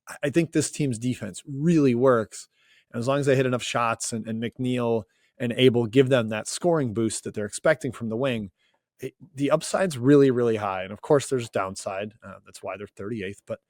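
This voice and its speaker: A man co-hosting a sports podcast, giving relaxed, measured analysis with hedging fillers. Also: mid-range voice, dry recording, studio quality. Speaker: co-host. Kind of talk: casual sports podcast chat.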